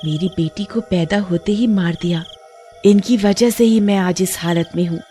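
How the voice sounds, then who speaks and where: A woman's voice: medium pitch, moderate pace, warm tone, soft background music, close to an everyday voice. A woman voicing a menacing, man-eating snake-bodied witch in a cartoon story, gloating and threatening. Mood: vengeful. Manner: gloating, threatening, with cackling laughs.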